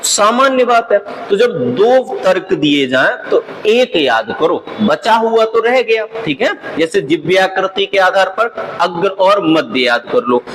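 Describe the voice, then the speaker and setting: Patient teacher, higher voice. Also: male voice, fairly bright tone, a little hiss or hum, rough recording. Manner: explains patiently, asks and answers his own questions. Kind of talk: exam-prep grammar lesson.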